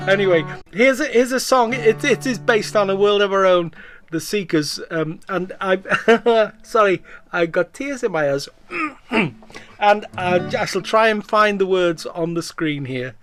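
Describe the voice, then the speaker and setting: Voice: mid-range voice, expressive, unhurried, fairly bright tone, faint music behind. A folk club singer, introducing a song at home during lockdown in a rambling, self-mocking way full of stumbling restarts. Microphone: online session.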